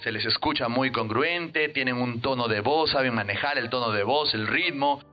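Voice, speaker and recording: Guy explaining stuff on his podcast, acts out little voices, kinda dull sound, soft music under it. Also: medium pitch. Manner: lively teacher, acts out quick example voices and asks "¿no?" often. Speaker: NLP trainer and podcast host.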